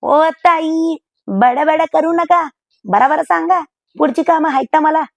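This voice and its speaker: A woman's voice: high voice, slow, gravelly, dry recording, voice pushed up, heavily acted. A woman voicing a blunt, bossy female robot housemaid who talks in a brusque, rustic way, in a comic storybook tale. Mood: curt. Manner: brusque, rustic village-maid talk.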